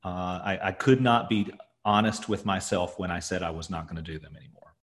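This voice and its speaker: Guy with a lowish voice talking from an echoey empty office, rambly, lots of uhs. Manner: rambling, halting, many fillers and restarts. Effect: echoey sound from an empty office. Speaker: podcast co-host. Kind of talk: casual chat.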